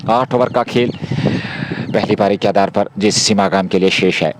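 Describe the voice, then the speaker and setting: A man's voice: fairly low pitch, normal speed, poor audio. A man giving live ball-by-ball cricket commentary in a flowing, wordy style, reciting scores as he goes. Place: outdoor cricket ground.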